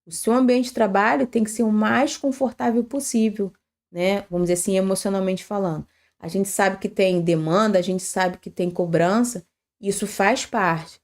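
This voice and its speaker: A woman's voice: medium pitch, steady tone, normal speed, darkish tone. A woman answering a question on a live stream with earnest, practical advice, dotting her sentences with "tá?" and "né?" and correcting herself as she goes. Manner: earnest and advisory, with frequent "tá?" and "né?" tags and self-corrections. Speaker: panelist on a live workplace-safety broadcast.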